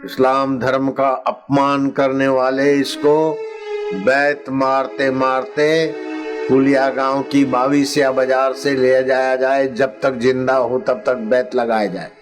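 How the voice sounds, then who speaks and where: Older male preacher, slow deliberate delivery, chants refrains, acts out story voices. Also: medium pitch. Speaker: spiritual preacher. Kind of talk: satsang sermon with storytelling.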